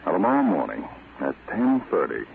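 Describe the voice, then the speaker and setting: Playing a brisk, secretive American counter-spy chief in 1940s radio drama, a man uses a deep, gravelly full character voice with wildly swooping pitch. He's grave and businesslike, issuing terse, authoritative, deliberate orders, heard through a tinny, noisy vintage recording.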